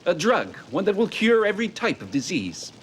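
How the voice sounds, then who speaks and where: Cranky reclusive cartoon scientist, highish voice, animated pitch, curt, grumpy. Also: male voice, normal speed, slight background noise, exaggerated voice. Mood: guarded. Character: gruff, reclusive, cranky doctor and researcher. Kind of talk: dubbed cartoon acting. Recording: music behind the voice.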